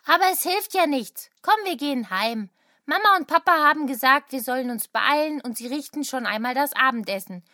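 A woman's voice: sits high, expressive, brisk, pushed and bright, dry recording, clean studio sound. A woman voicing a sensible, talkative child in a family audio drama. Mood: cheerful.

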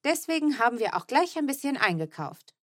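A woman's voice: high voice, sing-song, a little fast, no room sound, clean studio sound, pitched above the performer's own voice. A woman reading the lines of a cheerful boy who chatters on eagerly in an audiobook. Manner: eager, rattling on.

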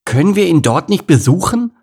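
A man's voice: high voice, normal speed, pitched above the performer's own voice, heavily acted. A man voicing a cheeky, boastful young lion cub in an audiobook story. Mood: excited. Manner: excited, loud.

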